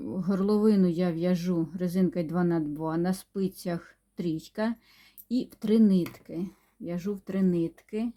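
A woman chatting unhurriedly about her knitting projects, pausing and humming as she talks, sometimes dropping to a near-whisper. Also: medium pitch, dark tone. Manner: unhurried, chatty, with many pauses and hums. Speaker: knitting vlogger. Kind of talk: casual show-and-tell chat.

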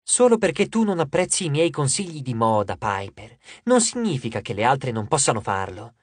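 Vain glamorous love goddess, a reader doing her, gushy and snooty, husky voice, dry close mic. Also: medium pitch, sing-song, moderate pace, no room sound. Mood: gushing, condescending. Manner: gushing, condescending, theatrical. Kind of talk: audiobook character voice.

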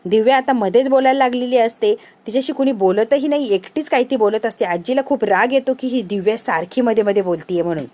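A woman's voice: a little high, quick pace, few pauses, dark tone. A woman recapping a TV serial episode with dramatic storytelling, reading each character's lines herself.

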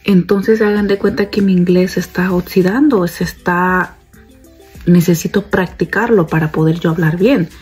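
A young woman talks straight to her viewers in a loose, chatty vlog, circling back and repeating herself. Her voice sits a little low, dark and mellow in tone, with a very husky, breathy texture. Soft music plays faintly behind her. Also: steady tone, moderate pace. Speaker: vlogger. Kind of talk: casual chat to viewers.

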